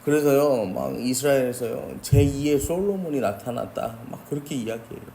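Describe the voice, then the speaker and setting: A man's voice: medium pitch, normal speed, vocal fry, warm tone, a little hiss or hum. A man preaching a sermon as pastor, earnest and often addressing the congregation directly. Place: church sanctuary.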